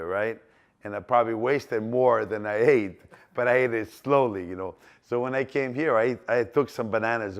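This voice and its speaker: A man in his sixties from Greece, speaking with a Greek accent, tells a rambling personal story full of fillers and restarts. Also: fairly low pitch. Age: 60s. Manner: rambling, repeats himself, many fillers and restarts. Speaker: business owner telling his life story.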